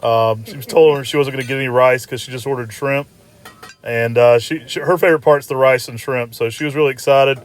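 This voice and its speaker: A man's voice: medium pitch, fairly even intonation, a little fast. A man giving casual, chatty voice-over commentary as a restaurant review vlogger, repeating himself informally.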